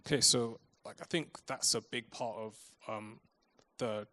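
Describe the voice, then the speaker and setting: A man hosting a casual interview, relaxed and slangy, with lots of "like" fillers. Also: mid-range voice, a little slow.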